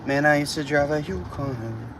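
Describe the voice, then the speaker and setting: This man, in his twenties, is livestreaming from behind the wheel in a city, rambling through casual chat with lots of "bro" and plenty of animation. His voice is slightly high and normal in pace, with a noisy background.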